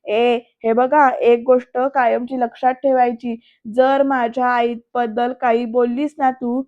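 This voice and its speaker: A woman voicing a middle-aged husband who shouts angry, bullying threats, in a dull, lo-fi recording. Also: fairly high pitch, little pitch movement, unhurried, natural voice. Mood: angry shouting. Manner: loud, scolding.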